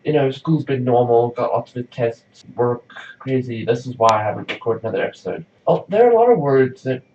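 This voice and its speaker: In a loose, talkative video diary, a young man from South Africa fills his speech with "like," using an expressive mid-range voice at a fairly quick clip. The sound comes from a camera mic set back from him, so it's roomy, dull, and lo-fi, with a little hiss or hum.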